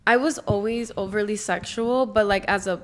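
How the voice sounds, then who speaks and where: A woman's voice: medium pitch, fairly even intonation, moderate pace. Woman, mid-twenties, podcast guest: chatty, casual, giggly. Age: 20s. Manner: chatty, laughs often, lots of "like". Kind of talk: casual chat.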